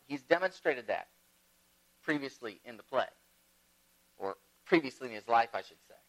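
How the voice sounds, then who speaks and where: A man preaching a sermon, telling stories and moving between loud emphatic phrases and quiet, low asides. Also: poor audio. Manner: storytelling, lively with big swings in loudness. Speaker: pastor.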